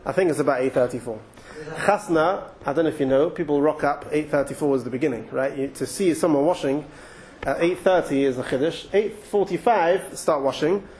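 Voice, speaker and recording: A man's voice: a little high, brisk, darkish tone. Chatty English man teaching Torah. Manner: chatty, thinks aloud with restarts and asides. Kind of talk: informal Torah talk.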